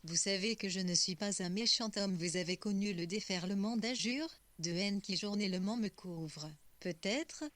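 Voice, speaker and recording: A vain aging politician who flatters and caresses every syllable, read by a woman narrating a novel. The delivery stays at a middle pitch and is recorded close, with a dry sound. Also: normal speed, dry recording, natural voice. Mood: coaxing. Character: aging male politician, vain and smooth-talking. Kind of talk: audiobook reading.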